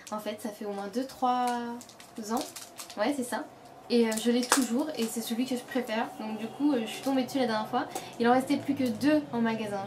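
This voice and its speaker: A woman's voice: a little high, noisy background. A young woman, chatting casually as a beauty vlogger, with many fillers and self-corrections. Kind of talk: casual product show-and-tell.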